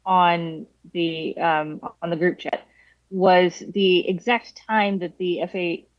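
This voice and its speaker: A woman's voice: fairly low pitch, steady tone, slow, no echo, muffled recording. A woman guest on a podcast, speaking hesitantly with many fillers. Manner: hesitant, with frequent ums and laughs. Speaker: guest cybersecurity commentator. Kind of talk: casual podcast chat.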